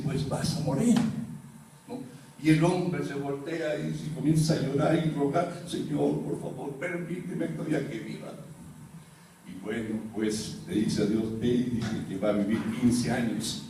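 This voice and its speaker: A man's voice: medium pitch, dark tone. A man preaching a sermon as pastor, teaching and putting questions to his congregation. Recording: roomy echo, mic far off, faint room noise.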